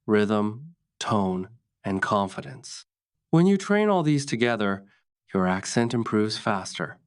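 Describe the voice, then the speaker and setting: A man's voice: fairly low pitch, clear, resonant tone. A man narrating a scripted English accent lesson in short, plain, instructive sentences. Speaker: English teacher.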